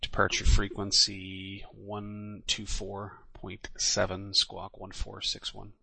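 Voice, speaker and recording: Gravelly, bright-edged male air traffic controller. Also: lowish voice, monotone, slow pace, no echo. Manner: clipped, official phraseology. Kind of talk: procedural radio instructions.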